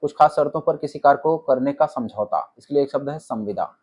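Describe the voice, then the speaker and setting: Husky man rattling off quiz answers. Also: medium pitch, fairly quick. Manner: reads options, then states the answer flatly. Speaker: exam coaching teacher. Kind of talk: rapid-fire quiz answer walkthrough.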